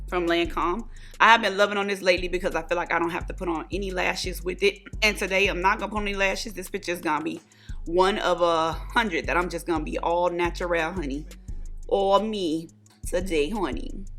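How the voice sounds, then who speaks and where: A woman, telling a story to her viewers while doing her makeup, chatty and animated, calling them y'all and honey. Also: fairly low pitch. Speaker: beauty vlogger.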